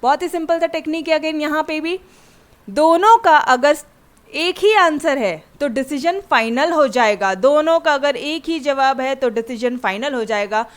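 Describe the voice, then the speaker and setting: A woman's voice: sits high, lively intonation, measured pace. A woman maths teacher giving a chatty classroom lecture that mixes Hindi and English and keeps checking in with her students.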